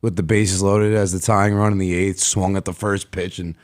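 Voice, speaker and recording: A man's voice: sits low, level tone, normal speed. A man co-hosting a casual sports talk show, blunt and opinionated about his team. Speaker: co-host.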